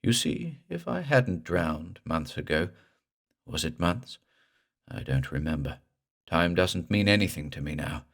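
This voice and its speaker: Putting on the part of a drowned man come back from the water, a storyteller speaks in a slow, guttural, gurgling drawl, very deep and threatening. The delivery is heavily acted and gravelly, slightly bright, with lively intonation.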